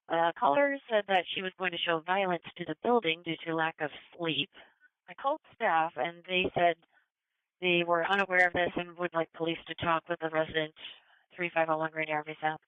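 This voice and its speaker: A woman dispatching police calls over two-way radio in a brisk, procedural manner. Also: lowish voice, clear, resonant tone, no room sound. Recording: dry, phone-like scanner radio feed.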